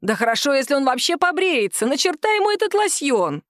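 Женщина озвучивает ворчливую деревенскую мать средних лет, которая насмешливо и сердито жалуется. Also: female voice, high-pitched, sing-song, brisk, dry recording, studio quality, voice pushed up. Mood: ворчливо. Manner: complaining, scornful. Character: grumbling middle-aged village woman, mother.

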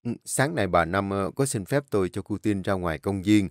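A man voicing an older male butler who speaks slowly and apologetically. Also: low-pitched, no echo, studio quality. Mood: apologetic. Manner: slow, apologetic.

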